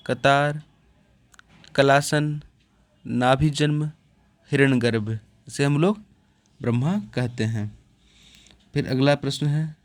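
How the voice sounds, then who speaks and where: A man gives a lesson, reading out a list of words and pausing after each one. His voice sits in a middle range for a man. The recording is dry and close, with no room echo. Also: medium pitch. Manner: steady listing, pausing after each word. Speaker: teacher.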